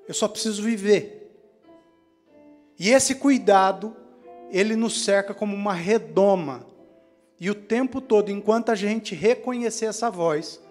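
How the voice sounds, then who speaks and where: High-voiced man preaching a testimony. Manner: storytelling, quoting others in hushed voices. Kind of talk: testimony sermon.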